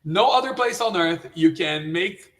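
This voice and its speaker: A man's voice: high-pitched, lively intonation, unhurried. A man from Brazil, a guest in a casual live chat, eagerly agreeing and restarting his sentences.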